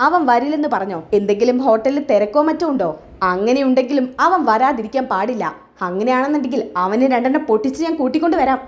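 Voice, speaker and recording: A woman's voice: sits high, expressive, quick pace. A woman voicing a concerned elder brother who questions in a firm, protective way.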